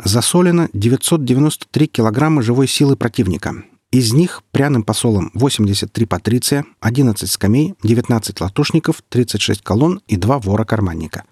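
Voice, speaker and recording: A man narrating a humorous audiobook in a deadpan, mock-serious manner. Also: medium pitch, a little fast, breathy edge, dry recording, studio quality.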